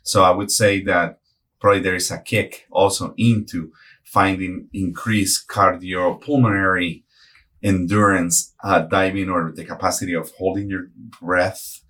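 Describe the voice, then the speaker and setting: Man, interview host, very low voice, husky, long winding questions. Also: flat delivery, measured pace, a bit bright. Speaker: podcast host.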